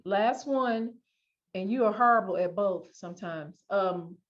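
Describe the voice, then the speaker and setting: A woman's voice: medium pitch, measured pace. Teasing woman host, muffled sound. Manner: teasing, familiar. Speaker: sports show host. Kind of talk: casual chat.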